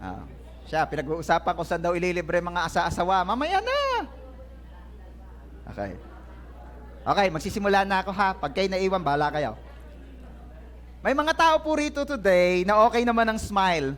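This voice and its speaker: Playful high-voiced pastor with lively delivery. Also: male voice, normal speed. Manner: playful, jokes with the congregation. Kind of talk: lively sermon. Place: church hall. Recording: church service with faint crowd. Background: congregation laughing and responding.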